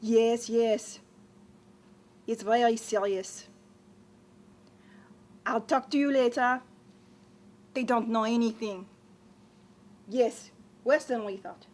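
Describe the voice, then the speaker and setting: A woman's voice: a little high, slow pace, long pauses, darkish tone. A woman playing a haughty, disdainful French businesswoman with a French accent, speaking in theatrical, scornful exclamations in a comedy sketch. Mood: gossiping on phone.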